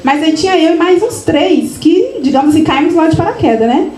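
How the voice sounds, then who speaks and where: A woman author talks casually to an audience, her voice high and mellow. She keeps adding little tag questions and starting sentences over. An echoey room with a faint hum of noise surrounds her. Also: animated, a little fast. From Minas Gerais, Brazil. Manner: chatty, frequent tag questions and restarts. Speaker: author at her book launch. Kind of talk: casual personal storytelling to an audience. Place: event room, live audience.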